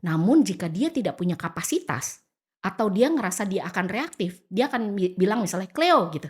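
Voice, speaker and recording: Speaking brisk and mid-range with a breathy edge, this Indonesian woman offers laid-back advice as a guest on a podcast. Her delivery is lively, she acts out lines she quotes, and English phrases slip into her talk.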